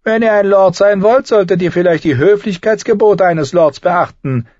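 Tyrion Lannister, a man doing a mocking high voice. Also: moderate pace, darkish tone, dry recording, natural voice. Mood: sardonic. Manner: mocking, cool and needling. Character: sardonic, sharp-tongued small nobleman, adult man. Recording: slightly dull audio.

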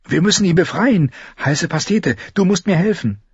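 A man's voice: high-pitched, lively intonation, moderate pace, slightly rough, no echo, lo-fi sound, pitched above the performer's own voice, heavily acted. A man voicing a fierce stubborn girl. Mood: determined. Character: fierce determined young girl, stubborn leader.

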